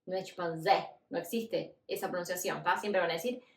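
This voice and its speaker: A woman's voice: on the low side, a little fast. A young woman with a Latin American Spanish accent, a teacher patiently explaining grammar and pronunciation with many repeated examples in an online language lesson. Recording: echoey room.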